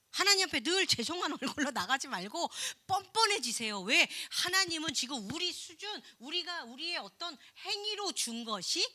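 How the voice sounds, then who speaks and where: A middle-aged woman gives a sermon in a high, brilliant voice. Her pitch leaps around animatedly as she acts out the voices of the people she quotes. She laughs often and keeps the delivery lively. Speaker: pastor's wife preaching. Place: church sanctuary.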